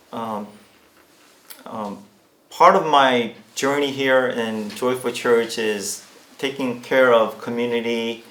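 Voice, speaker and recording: A Korean American male pastor speaks very slowly and thoughtfully at a middle pitch. He pauses often and mixes in Korean words, with his voice echoing in a roomy space. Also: a bit bright. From United States. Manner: halting, thoughtful, with Korean words mixed into English. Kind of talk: informal interview answer in church. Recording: roomy echo.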